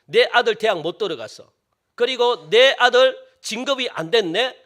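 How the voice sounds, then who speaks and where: Male pastor preaching, bright ringing voice, lots of questions thrown at the pews. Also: very high-pitched, moderate pace. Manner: animated preaching with many rhetorical questions to the congregation. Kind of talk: sermon.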